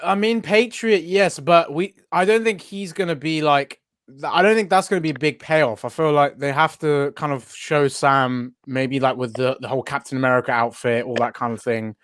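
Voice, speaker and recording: A man's voice: fairly high pitch, normal speed, a bit bright, no room sound, studio quality. A man co-hosting a casual podcast chat, blunt and swearing casually. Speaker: podcast co-host.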